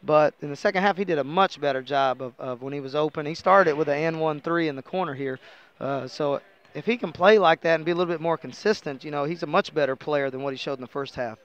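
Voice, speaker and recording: This middle-aged American coach talks fast in a slightly high, smooth voice, and the recording is muffled. Seated at an indoor interview table in a sports arena after the game, he speaks into a headset mic, explaining conversationally and leaning on "you know."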